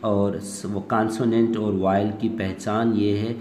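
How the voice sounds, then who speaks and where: Lower-pitched male teacher. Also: level tone, measured pace, darkish tone. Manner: explanatory, mixes in English phrases, frequent fillers. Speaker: English language teacher. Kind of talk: online lecture. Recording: echoey room with faint noise.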